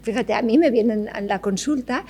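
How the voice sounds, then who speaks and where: Being interviewed as a psychologist, a woman explains ideas in a didactic way at a moderate pace, regularly asking "¿vale?". Her voice sits on the high side with a darkish tone, and there's slight background noise.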